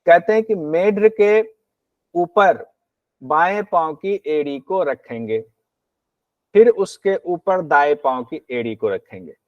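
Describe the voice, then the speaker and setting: Male yoga teacher, a bit high-pitched, lecturing on old texts; dull, dry, muffled recording. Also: animated, dry recording. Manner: slow measured Sanskrit recitation, then explains in plain talk; asks and answers his own questions. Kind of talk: exam-prep lecture on a yoga text.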